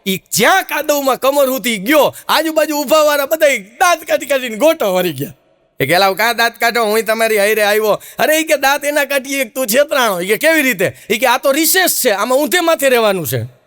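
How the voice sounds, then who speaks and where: Stand-up man, high-pitched, anecdotal joke-telling. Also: expressive, a little fast, a bit bright, clear, resonant tone. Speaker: stand-up comedian. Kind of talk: stand-up storytelling.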